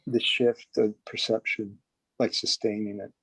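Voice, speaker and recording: A man in a group asking a halting, searching question. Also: fairly low pitch, flat delivery, a bit bright, slightly rough, dry recording, rough recording. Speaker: group participant.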